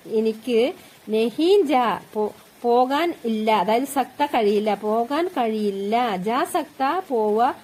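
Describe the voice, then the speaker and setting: A woman's voice: sits high, darkish tone. A woman teaching spoken phrases, repeating each one and explaining it word by word. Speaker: language teacher. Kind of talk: teaching Hindi phrases with Malayalam meanings.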